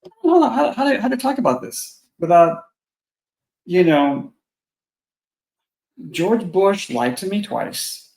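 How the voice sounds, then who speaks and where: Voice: medium pitch, big pitch swings, slow, creaky, pauses often, a little mellow. A podcast co-host in a casual, heated opinion chat, speaking bluntly and stumbling over restarts, with a strong echo around the voice. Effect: echoey sound, as if in a big bare room. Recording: echoey, roomy mic sound.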